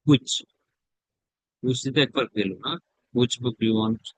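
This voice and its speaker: A man from Bangladesh teaching spoken English, reading English sentences slowly and then translating each into Bengali. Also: medium pitch, steady tone, no echo, poor audio.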